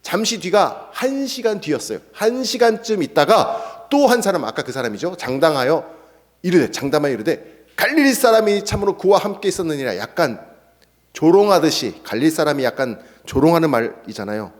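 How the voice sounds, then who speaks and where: Male pastor, sermon, lively swooping pitch, long church reverb. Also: normal speed. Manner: animated, acts out scripture quotes. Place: church sanctuary. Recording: echoey church hall.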